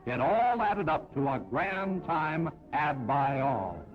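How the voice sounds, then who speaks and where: A man narrating an old 1940s newsreel in a brisk, upbeat announcer style. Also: fairly high pitch, expressive. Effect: old newsreel sound. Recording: dull lo-fi 1940s film audio with music.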